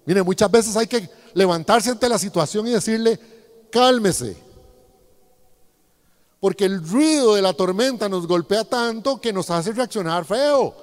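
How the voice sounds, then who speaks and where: A man preaches a sermon, speaking directly to his congregation and often asking them questions. His voice sits high for a man. It rings with the long reverb of a large hall. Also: normal speed, hardly any pauses.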